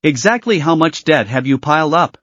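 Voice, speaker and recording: An angry office manager berating an employee in a manhwa recap, put on by a male narrator. His speech is harsh and scolding. The voice sits higher than the narrator's plain tone. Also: lively intonation, fairly quick, fairly bright tone, dry recording, muffled recording.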